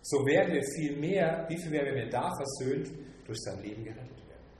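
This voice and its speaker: Man preaching, slow and emphatic, big echoey church, room noise. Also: a little high, expressive, a little mellow. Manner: slow, emphatic, addresses listeners directly. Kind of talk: sermon.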